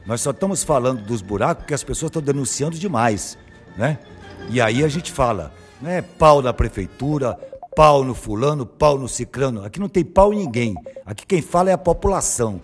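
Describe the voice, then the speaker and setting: A man's voice: mid-range voice, a little fast, soft background music. A man with a Northeastern Brazilian accent hosting a radio call-in show, talking with listeners in an affable, reassuring way. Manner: affable, reassuring, defends himself calmly. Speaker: radio host.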